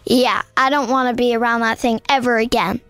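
Brief: timid young girl, voiced by a woman, high and nervous, soft music underneath. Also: fairly even intonation, fairly quick, no echo, lightly acted. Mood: worried. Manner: anxious, pleading questions.

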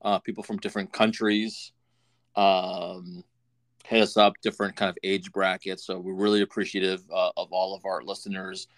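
A man with a very low, deep voice co-hosts a casual podcast, rambling and stopping to restart his thoughts. The sound is close and dry, with no room echo around him. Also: flat delivery. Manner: rambling and halting, with many restarts. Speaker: podcast co-host.

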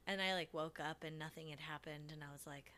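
A woman's voice: low voice, steady tone, fairly quick, bright, forceful tone. A woman co-hosting a podcast in casual, teasing chat full of slang and swearing. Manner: teasing, slangy, profanity-laced. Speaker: podcast co-host.

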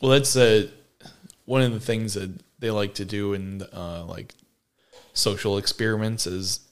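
A man's voice: fairly low pitch, fairly even intonation, unhurried, clean tone. A man co-hosting a casual tasting chat, telling stories and quoting people as he goes. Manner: storytelling, quoting others with laughs. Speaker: podcast co-host.

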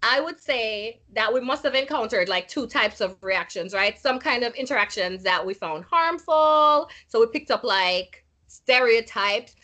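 A Jamaican woman casually discusses immigrant life with friends, animated as she acts out quotes and poses questions to the group. Her voice is on the high side, and she speaks unhurriedly with hardly any pauses.

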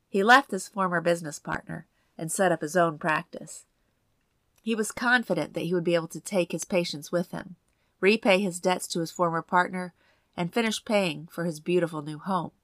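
A woman narrates true crime like a suspenseful crime show, telling the scripted story in a measured way. Her voice sits a little low, with a gravelly fry at the edges. The sound is dry, with very little room around it. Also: fairly bright tone, dry recording.

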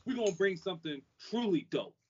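A man's voice: high voice, lively intonation, brisk, a little mellow, slightly rough. A man co-hosting a casual podcast as an emphatic hype man who repeats phrases, on a dull microphone. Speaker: podcast co-host.

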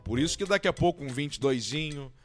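Man, podcast co-host, lively pitch, explains and chimes in. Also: fast talker, faint music behind. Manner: explains things, chimes in, echoes his partner. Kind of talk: casual banter.

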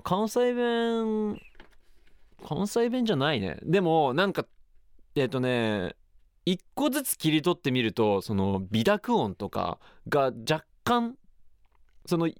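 Man, radio host, chatty and rambling, animated swooping voice, dry studio sound. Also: fairly high pitch, unhurried, clean tone, no echo. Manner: chatty, rambling, musing aloud. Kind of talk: casual solo radio talk.

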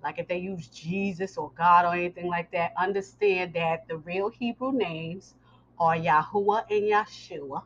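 A woman's voice: lowish voice, steady tone, unhurried, a bit bright, a little hiss or hum. Woman host, informal and slightly muffled. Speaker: host introducing guest lessons. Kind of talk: informal spoken announcement to listeners. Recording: muffled, dull lo-fi sound.

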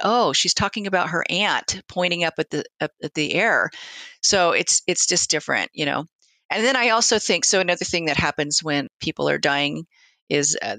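Bright-voiced woman, a hospice nurse telling stories. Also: low voice, no echo. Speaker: hospice nurse, interview guest. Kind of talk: conversational storytelling.

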